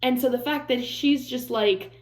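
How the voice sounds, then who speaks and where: A woman vlogger giving casual reaction commentary, animated and swearing freely as she mimics people in mock-angry voices. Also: sits high, moderate pace, reverberant.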